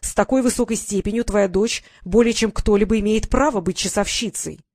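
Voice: medium pitch, fairly quick, darkish tone, no room sound, clean studio sound, close to an everyday voice. A reader doing a stern, insistent councillor woman. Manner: insistent, indignant. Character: stern dark-haired female councillor.

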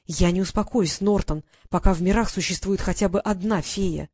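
A woman's voice: mid-range voice, moderate pace, darkish tone, no room sound, studio quality, lightly acted. A woman voicing a devoted, bloodthirsty female servant who talks insistently and with heat. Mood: insistent, hateful. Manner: insistent, heated.

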